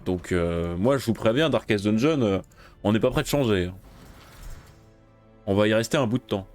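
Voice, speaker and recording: This gaming video creator has a lowish, animated voice and speaks at a normal speed, with faint music playing behind him. Commentating his run let's-play style, he swears loudly whenever things go wrong and then mutters to himself while planning.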